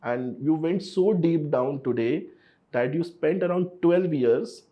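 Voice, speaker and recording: A man with an Indian accent speaks as a podcast host. His voice sits a little higher than average for a man, and he interviews in a conversational way. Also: measured pace, dark tone.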